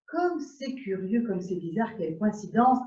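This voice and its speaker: A woman playing a prim English lady in an absurdist stage scene, speaking in measured, repetitive exclamations of polite surprise over a video call. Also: mid-range voice, very animated, mellow, close to an everyday voice. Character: prim English lady, mildly astonished, formal. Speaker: amateur actor. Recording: dull echoey room audio.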